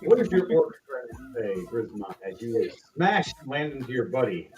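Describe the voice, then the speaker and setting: A man's voice: mid-range voice, very animated, moderate pace, recorded from a distance. A man running a tabletop game as game master, narrating casually and theatrically. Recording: dull lo-fi audio with music.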